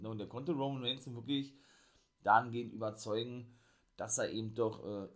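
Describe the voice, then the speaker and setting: Rambling low-voiced man recapping wrestling. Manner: rambling, many fillers like "ne?" and "ja"; enthusiastic, excitable. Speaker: wrestling review host. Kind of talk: casual monologue recap.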